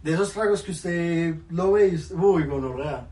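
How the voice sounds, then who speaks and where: A young man, chatting casually on a stream, loud and slangy with free swearing. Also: on the high side, moderate pace, recorded from a distance. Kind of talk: casual chat on a live stream. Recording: roomy, off-mic, faint background noise.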